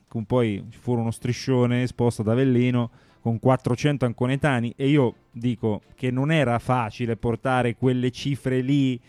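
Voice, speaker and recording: Male radio sports host, dark mellow voice, dry close sound, chatty. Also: mid-range voice, smooth, no room sound. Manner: chatty, hesitant with fillers. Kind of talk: live radio sports talk.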